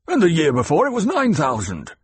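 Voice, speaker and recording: Narrator voices a domineering, petulant fat lord, demanding, husky, animated. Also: male voice, a little high, a little fast, no echo, pitched above the performer's own voice, exaggerated voice. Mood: blustering. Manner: blustering, demanding. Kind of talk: audiobook character voice.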